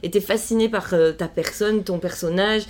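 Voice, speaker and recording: A woman's voice: mid-range voice, normal speed, over a noisy crowd. A woman hosting a podcast interview in a chatty, effusive, conversational way. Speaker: podcast host.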